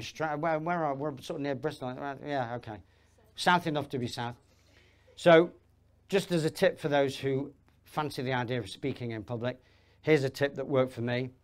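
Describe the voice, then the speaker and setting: A man giving a live seminar talk, emphatic and rambling, with restarts and asides, swinging between loud bursts and low asides. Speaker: seminar speaker. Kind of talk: live motivational talk to an audience.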